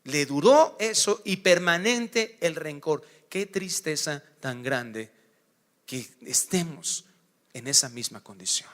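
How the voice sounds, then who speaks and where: A man preaching a sermon as pastor, acting out little scenes and swinging from hushed to loud. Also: fairly high pitch, slow pace. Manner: animated preaching, acts out dialogue, swings from hushed to shouting.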